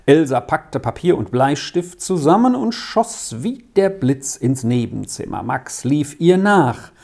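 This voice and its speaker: An audiobook reader narrating an old-fashioned family story in an expressive, measured way. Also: mid-range voice, vocal fry.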